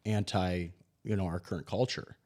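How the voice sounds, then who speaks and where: A man in his late twenties co-hosting a casual Bible discussion podcast, relaxed, with wry quips, often trailing off quietly. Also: low voice, normal speed. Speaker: co-host, host's son.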